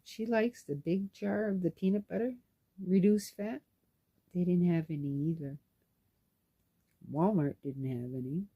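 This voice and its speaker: A woman's voice: lowish voice, a little slow, pauses often, slightly rough, dry recording, muffled recording. A woman vlogger casually telling a story in a chatty way, acting out what people said. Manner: chatty, animated, acts out dialogue. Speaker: knitting vlogger and caregiver.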